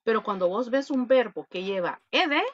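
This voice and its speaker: A woman's voice: on the high side, expressive, moderate pace, dull audio. A woman English teacher with a Salvadoran Spanish accent, patiently explaining an online class and repeating her points.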